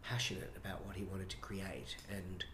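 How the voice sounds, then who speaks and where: Brief: lowish-voiced man, excitable storyteller, recorded in a roomy space with faint hum. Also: moderate pace. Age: middle-aged. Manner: enthusiastic, animated storytelling. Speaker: choreographer and director, guest. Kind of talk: conversational interview. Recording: roomy echo, faint ambience.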